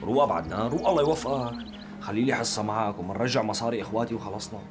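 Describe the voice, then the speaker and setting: A man's voice: fairly low pitch, racing, over music, lightly acted. Man playing an anxious pleading Damascene cousin. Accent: Damascene Arabic. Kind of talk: TV period drama acting.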